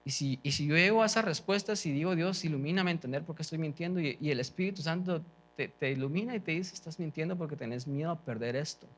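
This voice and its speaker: A young man preaching a sermon. His voice sits a little high, and he talks to the congregation in a conversational way, often checking in with them and restarting his sentences. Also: fast talker, a bit bright. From Guatemala. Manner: conversational, frequent "¿verdad?" check-ins, many restarts.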